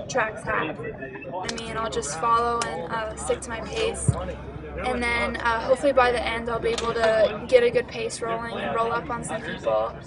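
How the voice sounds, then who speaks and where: A twenty-year-old woman, a college runner, speaking in a thoughtful, explanatory way in a documentary interview. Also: a little high.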